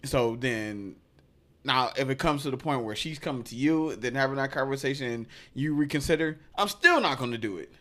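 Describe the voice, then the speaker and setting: A man chatting loosely on a podcast, blunt and full of slang. His voice sits in a middling range, neither high nor low. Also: lively intonation, brisk, a bit bright. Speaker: podcast co-host. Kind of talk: casual chat.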